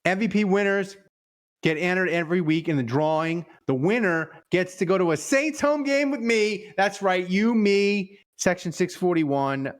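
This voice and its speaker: A man's voice: high voice, normal speed. A man hosting a casual live-stream show, full of joking, self-mocking banter. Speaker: show host.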